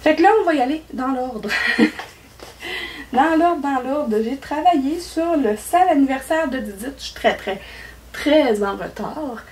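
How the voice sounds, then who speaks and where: This cross-stitch vlogger from Quebec speaks with a Québécois French accent, rambling through a casual chat and laughing a lot. Her high-pitched voice is expressive and darkish, moving at a moderate pace. The recording has her slightly distant from the mic, with faint noise.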